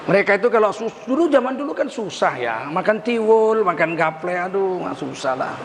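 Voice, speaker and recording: An older man preaching a sermon, telling stories from his childhood with lively quoted dialogue. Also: sits high, moderate pace, in a large hall, slight background noise. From Indonesia. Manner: animated storytelling with quoted dialogue.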